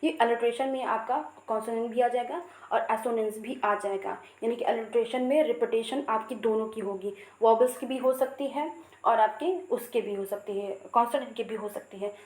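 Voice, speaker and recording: A woman's voice: fairly high pitch, a little mellow. Woman teaching in an echoey room. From India. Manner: repetitive, drills key points, reads English definitions and poem lines slowly. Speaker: English literature teacher. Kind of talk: exam-prep lecture in Hindi mixed with English. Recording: echoey room with faint background noise.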